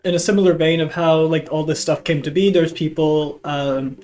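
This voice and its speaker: Over guitar music in the background, this man from Norway talks to his YouTube audience in a relaxed, faltering, self-mocking way while nursing a slight cold. His somewhat high voice has a steady, darkish tone and moves at a normal speed.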